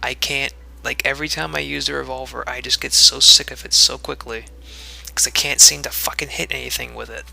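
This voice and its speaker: Young guy talking over his game footage, super gravelly, bright edge, flat delivery, lots of ums, kinda out of breath. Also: medium pitch, fairly quick. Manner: rambling, many ums and restarts. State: a little out of breath. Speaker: video creator giving commentary. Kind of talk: casual gameplay commentary.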